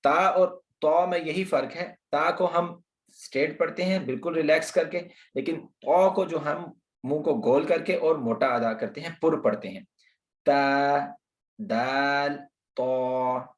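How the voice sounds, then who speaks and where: A man's voice: a little high, moderate pace. Male Quran teacher, patient, repeats sounds, roomy echo. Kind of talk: slow online tajweed lesson.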